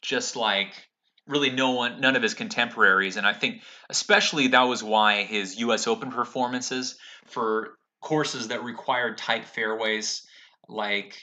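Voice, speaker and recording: A man hosting an unscripted talk about golf, with halting, reflective phrasing. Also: mid-range voice, steady tone, pushed and bright. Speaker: host of a golf commentary show.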